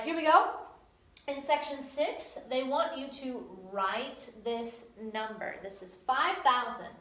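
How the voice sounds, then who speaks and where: Playful high-voiced woman teacher. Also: a bit bright. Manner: playful, chatty, bursts into silly catchphrases. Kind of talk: recorded homework lesson. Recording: echoey room.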